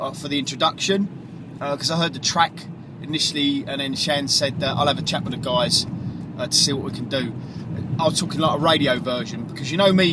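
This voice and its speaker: Man, radio DJ, bright forceful voice, rambling upbeat chat, faint car noise behind. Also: fairly high pitch. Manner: rambling, self-correcting, upbeat hype. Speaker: radio DJ promoting his show. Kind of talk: casual spoken show preview.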